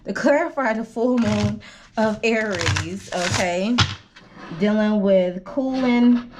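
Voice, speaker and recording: A woman's voice: medium pitch, expressive, takes it slowly, noisy background. A woman giving a casual spoken tarot reading, meandering with fillers and restarts, often checking in with "okay?", and coughing now and then while she recovers from an illness. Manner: coaching, keeps asking "okay?". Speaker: tarot reader.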